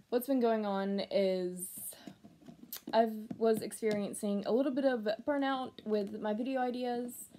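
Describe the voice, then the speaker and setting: Young woman with a somewhat high voice, casual home vlogger, halting delivery with sentences that trail off. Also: dark tone, a little hiss or hum. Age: young adult. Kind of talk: casual channel update to camera. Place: small room at home, indoors.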